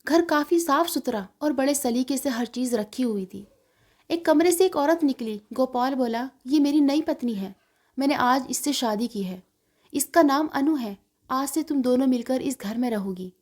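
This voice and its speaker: A woman with a high voice reads a sad first-person story aloud. She keeps a steady, heartfelt narrating tone throughout. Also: moderate pace.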